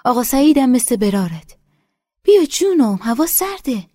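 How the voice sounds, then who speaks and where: A warm older village woman, voiced by a woman narrator, fussing over a guest in affectionate dialect. She sits noticeably higher and louder than the narration, coaxing, with a dark, husky tone. The storybook recording is close and dry. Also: sing-song, dry recording.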